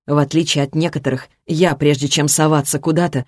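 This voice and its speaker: A woman voicing a powerful male mage and father who speaks in a sarcastic, measured, emphatic way. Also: low voice, fairly even intonation, darkish tone, dry recording, clean studio sound.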